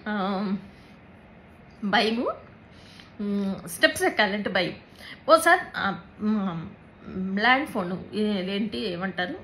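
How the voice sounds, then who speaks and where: A woman giving a personal account in an interview, speaking haltingly, repeating words and mixing in English words. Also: medium pitch, sharp tone, slight background noise, rough recording. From Andhra Pradesh, India.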